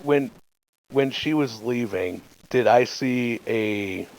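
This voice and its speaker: Gravelly man asking curious questions. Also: medium pitch, takes it slowly, darkish tone, poor audio. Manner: casual, curious, asks lots of questions. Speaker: player. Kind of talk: casual tabletop game play.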